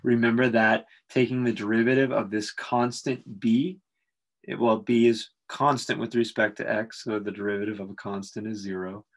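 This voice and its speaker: Low-voiced man explaining calculus steps. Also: moderate pace. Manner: relaxed, explanatory, thinks aloud with fillers. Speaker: math instructor. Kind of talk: recorded calculus lecture.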